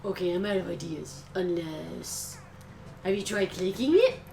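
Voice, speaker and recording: Woman playing an excitable, puppyish young jock guy. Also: on the low side, a little slow, gravelly. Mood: puzzled. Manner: earnest, excitable, simple. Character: dim, eager, puppyish young male jock. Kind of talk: in-character tabletop game role-play.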